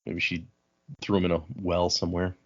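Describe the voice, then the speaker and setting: Dull audio carries a low, monotone male voice moving a little fast. He co-hosts a book podcast as read-along leader, retelling the plot in informal, colloquial talk and performing dialogue snippets in paraphrase.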